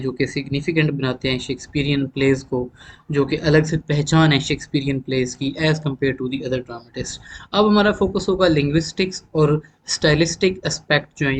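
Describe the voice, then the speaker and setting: Man, fairly high voice, patient literature teacher. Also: a little hiss or hum. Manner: explains step by step, frequent "theek hai" check-ins; mixes English terms and read-out definitions into Hindi-Urdu. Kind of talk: recorded lecture.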